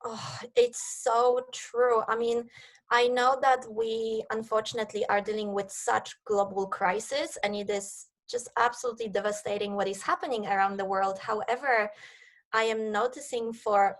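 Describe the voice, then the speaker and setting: A woman's voice: on the high side, fairly even intonation, normal speed. A woman in her thirties from Poland, speaking with a Polish accent, answering interview questions eagerly over a video call. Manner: enthusiastic, eager. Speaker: guest, networking coach.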